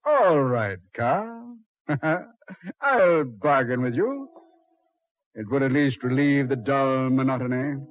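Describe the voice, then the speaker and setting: A slow, mocking radio Satan. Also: male voice, medium pitch, animated, no echo. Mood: bargaining, amused. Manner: slow, deliberate, taunting. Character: Satan, mocking, bored, commanding lord of Hades. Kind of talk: 1940s radio horror acting. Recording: muffled 1940s radio recording with music.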